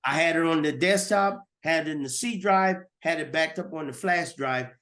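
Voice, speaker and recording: A man's voice: a little high, normal speed, a bit bright. A man giving a personal testimony as a guest, earnest and repeating words as he goes.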